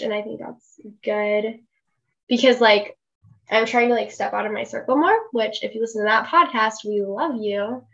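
A woman's voice: medium pitch, creaky, dull audio. A young woman co-hosting a podcast, chatting casually and using plenty of "like" fillers. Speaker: podcast co-host. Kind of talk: casual chat.

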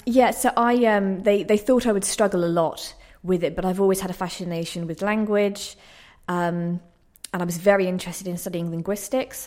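At a radio station, a young adult woman appears as an interview guest; she's a playwright and actor telling personal stories in a casual, chatty way. Her voice is lowish and a little mellow.

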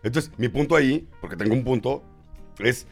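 A man's voice: mid-range voice, a little fast, vocal fry, faint music behind. A Mexican man co-hosting a casual comic chat, joking, cursing freely and acting out little voices. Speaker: co-host.

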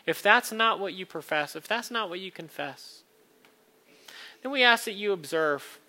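A man's voice: high voice, expressive, moderate pace, sharp tone. A man speaking as a pastor in a church sermon and communion liturgy, earnest and kindly, building his point through short repeated phrases. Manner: rhetorical repetition in short phrases.

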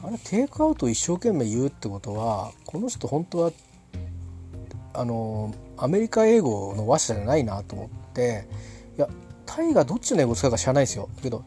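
A man's voice: medium pitch, sing-song, brisk, warm tone, faint music behind. A man telling a casual anecdote in a rambling way, full of fillers and restarts.

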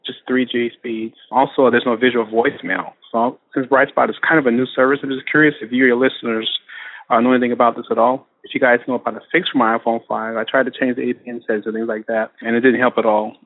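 A man calling in to a radio show, leaving a casual voicemail that is played over a phone line, rambling and halting with fillers and restarts. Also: mid-range voice, flat delivery, no room sound. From Texas, USA. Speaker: caller.

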